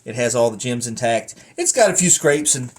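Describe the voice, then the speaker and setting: A man reviews a wrestling belt as a collector, speaking casually and unscripted, thinking aloud and drifting into asides. His medium-pitched voice has a sing-song quality at a moderate pace.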